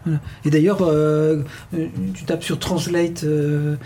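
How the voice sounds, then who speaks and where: A man's voice: a little high, flat delivery, measured pace, mellow, slight background noise. A man hosting a radio show, talking casually with many fillers and restarts.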